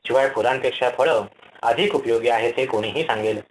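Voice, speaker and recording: A man's voice: medium pitch, a little fast, a little hiss or hum, natural voice, rough recording. A man voicing a matter-of-fact fig tree. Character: practical, content fig tree.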